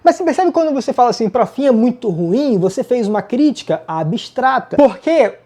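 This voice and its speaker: A man with a Brazilian Portuguese accent, giving a casual online essay-writing lesson. He is brisk and self-mocking, and he talks straight to his students. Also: very high-pitched, very animated, dark tone.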